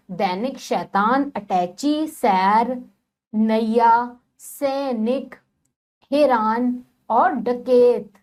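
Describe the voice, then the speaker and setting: A woman teacher giving a children's phonics lesson, patient and repeating each step slowly. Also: high voice.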